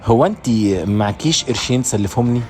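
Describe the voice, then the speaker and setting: A woman voicing a broke father with an Egyptian accent, who pleads and talks smoothly. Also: rumbling low, animated, fast, mellow, slight background noise, voice pushed down. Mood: pleading. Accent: Egyptian Arabic. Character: adult man, a broke father who left and returns.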